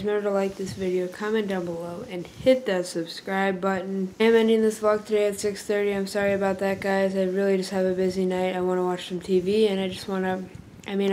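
A woman's voice: mid-range voice, dark tone, a little hiss or hum. A young woman talking casually into the camera for a daily vlog, rambling with lots of fillers and restarts. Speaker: vlogger. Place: at home, indoors.

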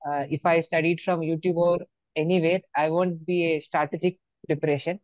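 A man's voice: on the high side, flat delivery, moderate pace, no echo. Male student, early twenties, native Telugu with Telugu Indian accent, interviewee on dull earphone-mic call audio. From Andhra Pradesh, India. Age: early 20s. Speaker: student exam topper being interviewed. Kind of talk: interview answers on a video call. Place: small plain room indoors. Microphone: wired earphones on video call.

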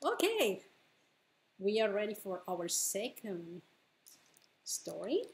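A children's librarian and storytime host, this middle-aged woman reads a picture book aloud to preschoolers from her home living room. Her mid-range voice is expressive and deliberate as she moves between English and Spanish.

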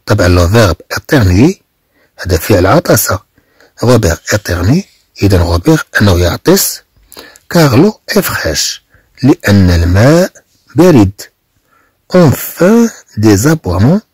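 A man teaching a French reading text, repeating and translating phrases slowly. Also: on the low side, darkish tone, slightly rough, no echo.

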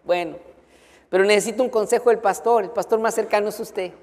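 A man's voice: high voice, steady tone, brisk, darkish tone. A man doing an anxious confiding church woman. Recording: long hall reverb, auditorium.

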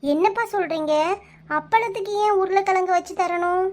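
A woman doing a squeaky polite cartoon village girl, sweet and obedient. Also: normal speed. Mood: curious. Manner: polite and dutiful, answers respectfully. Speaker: daughter figure. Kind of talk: Tamil cartoon voice acting.

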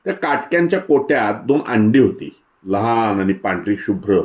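A man narrating a literary short story in a measured, descriptive way. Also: fairly low pitch, expressive, phone-quality sound. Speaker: story reader.

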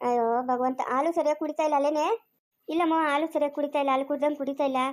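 Village drama role: a woman playing a fretful village woman with a rural Chikkaballapur Kannada accent, very high-pitched, rattling along fast, scolding. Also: steady tone, darkish tone, lightly acted. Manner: scolding, exclaiming, repeating questions. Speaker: actor in a village family drama. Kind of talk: homemade village family drama.

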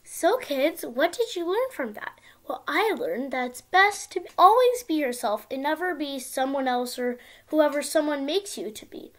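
In a small room at home, a girl of about ten with a high, childlike voice reads a picture book to young kids for her video channel. Her pace is moderate, and she reads expressively in a sing-song storytime manner.

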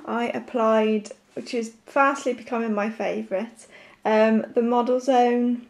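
A nail art vlogger chats casually to camera, her speech halting and her voice croaky from a sore throat. Her pitch sits fairly high and her tone stays steady.

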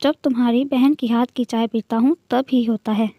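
A woman reading the lines of a sharp-tongued, jealous young man in a novel, keeping close to her own voice. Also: very high-pitched, fairly even intonation, moderate pace, no room sound, lo-fi sound. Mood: sarcastic. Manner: sarcastic, bickering.

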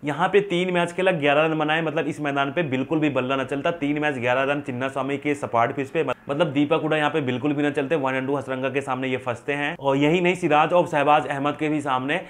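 A young man with a slightly high voice rattles through fantasy cricket stats to camera without a script, quizzing himself with quick "who?" questions and answering them. He talks rapidly with lively hand gestures, recorded on a lapel mic in medium framing, in an indoor studio with a printed backdrop.

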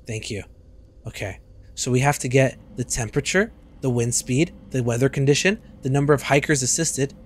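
A young man in his twenties giving casual, joking commentary while streaming a game, with loud outbursts and swearing, on a studio mic. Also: mid-range voice, normal speed, a little hiss or hum. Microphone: studio mic on arm.

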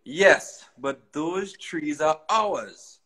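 A man's voice: fairly high pitch, very slow, pitched above the performer's own voice, full character voice. A man voicing an eager, insistent young male monkey in a storybook reading. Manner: excited, insistent.

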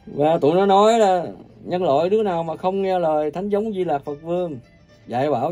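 A man preaching an angry, ranting sermon, cursing and scolding his listeners with coarse insults, his volume swinging from loud bursts to low mutters. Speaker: self-proclaimed religious preacher.

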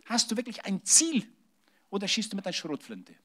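Male preacher, high voice, animated sermon that drops to near-whispers. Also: a little fast. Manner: animated preaching with large swings in loudness, drops to hushed tones. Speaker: pastor.

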